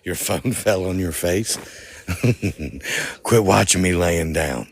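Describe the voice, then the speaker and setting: A man's voice: sits low, takes it slowly, slightly rough. A man telling a story outdoors in a cemetery at night, joking, swearing and laughing often as he talks to his livestream audience. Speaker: paranormal vlogger.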